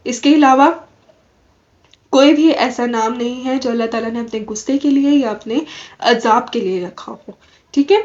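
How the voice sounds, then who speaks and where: A woman teaching a Quran commentary class, explaining slowly and asking questions that she then answers herself. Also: fairly high pitch, a little mellow, lo-fi sound. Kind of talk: recorded religious lesson.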